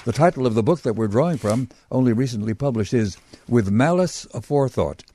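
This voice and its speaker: A man hosting a radio talk show, asking probing questions in a measured way and summarizing his guest's points. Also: medium pitch, expressive, mellow, slightly rough. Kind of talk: radio interview. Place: radio studio.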